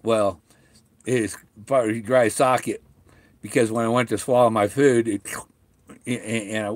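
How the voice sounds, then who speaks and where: A middle-aged man chatting casually and haltingly, rambling along, with a slight whistle and the loose speech of missing top front teeth. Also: on the low side, fairly even intonation, dry recording. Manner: halting, rambling, often trailing off. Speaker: vlogger talking to viewers.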